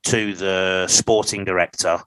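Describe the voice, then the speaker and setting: A man's voice: sits low, fairly even intonation, measured pace, fairly bright tone, clear, resonant tone, no echo, poor audio. A man co-hosting a podcast, giving a long, opinionated, rambling take in casual conversation. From England. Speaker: podcast co-host.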